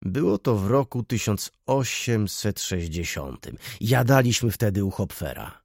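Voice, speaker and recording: Man playing a grumbling gray-haired old councillor, slow muttering, husky, swooping pitch, audiobook. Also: animated, darkish tone, no echo, clean studio sound, exaggerated voice. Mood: reminiscing. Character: gray-haired elderly male councillor, grumbling beer drinker.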